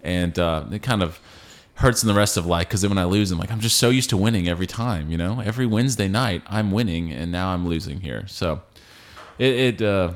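A young man co-hosting a casual church podcast, rambling and correcting himself, loud and playful. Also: deep voice, fairly quick. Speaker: podcast co-host.

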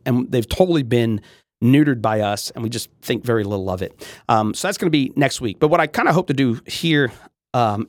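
A man's voice: mid-range voice, no echo, studio quality. A man hosting a podcast, talking through theology in a casual monologue with frequent fillers and restarts. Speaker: podcast host.

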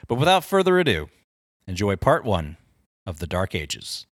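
A man hosting a podcast in casual chat, jokey and quick to laugh, sometimes mock-exasperated. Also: fairly low pitch, wildly swooping pitch, no echo, studio quality. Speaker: podcast host.

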